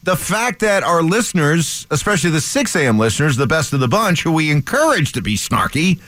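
A man's voice: fairly high pitch, sing-song, fairly bright tone, no echo. Upbeat man hosting sports radio. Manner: upbeat, quick and bantering. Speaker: radio host. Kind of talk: morning sports radio banter.

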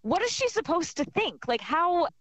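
A woman's voice: very high-pitched, big pitch swings, normal speed, a bit bright, no echo. A woman speaking over the phone as a radio caller, indignant and exasperated, searching for words. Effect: heard over the phone. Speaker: caller, listener's ex-wife. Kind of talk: radio call-in conversation. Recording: muffled phone line.

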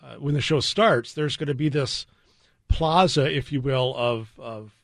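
An American man with flat vowels chats casually on the radio as a guest, in a folksy, halting way. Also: mid-range voice, no room sound, clean studio sound. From US West Coast. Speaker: guest, garden show organizer.

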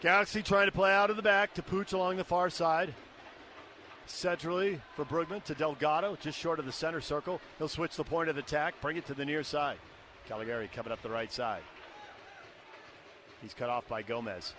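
American guy calling a soccer match live, sharp highish voice, short clipped phrases, some stadium noise behind him. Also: steady tone, brisk. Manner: clipped running description of the action. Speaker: play-by-play commentator. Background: outdoor stadium ambience.

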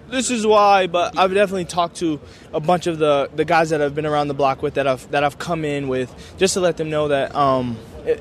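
A young man, a college football player, answering media day questions in an enthusiastic, grateful, casual way with lots of filler words. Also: fairly high pitch. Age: young adult.

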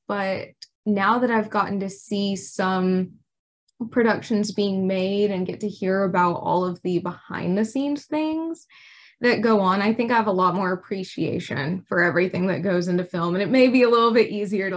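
A young woman from Arkansas with an American accent speaks in a casual, conversational interview. Her delivery is chatty and informal, sprinkled with "like", at a middling pitch for a woman. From Arkansas, United States. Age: young adult. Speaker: intern reporter being interviewed.

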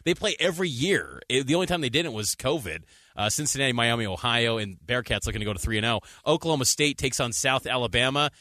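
A man's voice: mid-range voice, lively intonation, quick pace, pushed and bright, no room sound, clean studio sound. A man co-hosting a sports podcast, previewing games in an easygoing, jokey way. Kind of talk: casual sports talk.

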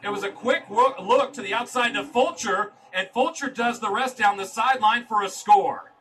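A man's voice: high voice, moderate pace, pushed and bright, far from the mic, rough recording. An American man doing live play-by-play commentary of a football game, heard in a broadcast clip from a stadium. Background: stadium ambience and noise.

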